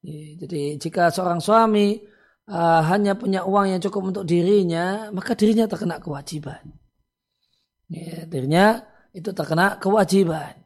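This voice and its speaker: Calm preaching Islamic cleric, man. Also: high-pitched, normal speed. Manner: calm preaching, many "eh" and "ya" fillers. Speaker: Islamic cleric answering listener questions. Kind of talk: religious advice talk.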